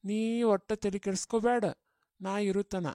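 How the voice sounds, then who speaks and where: A woman voicing a middle-aged mother in a cartoon, steady and coaxing, with a North Karnataka Kannada accent. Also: medium pitch, measured pace, dry recording, studio quality, natural voice. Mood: consoling. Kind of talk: cartoon voice acting.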